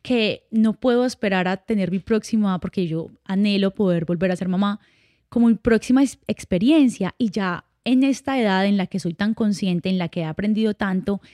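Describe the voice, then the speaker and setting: Young adult woman, podcast guest. Candid, heartfelt storyteller. Mellow, warm tone, dry close sound. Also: medium pitch, normal speed, no echo. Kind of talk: casual conversational interview.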